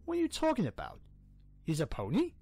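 A man voicing a caring, slightly sly young unicorn prince in an animated fan drama, casual and a little hesitant. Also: sits high, fairly quick, full character voice. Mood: worried.

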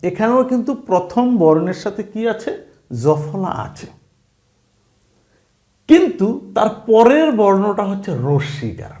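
A man's voice: high voice, very animated, measured pace, pauses often, mellow. A man teaching pronunciation in an online class, repeating each sound and checking the listener follows. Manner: repeats sounds and rules, asks the listener questions. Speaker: Bengali language teacher. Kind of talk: online spelling and pronunciation lesson.

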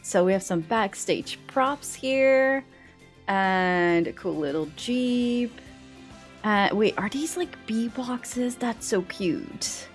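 A bright, fairly high-pitched woman with a French accent talks through a game tour for her channel, chatty and enthusiastic. She thinks aloud as she explores, recorded as a voice-over with soft music playing underneath. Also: lively intonation, takes it slowly. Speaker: channel host. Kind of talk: upbeat game tour commentary.

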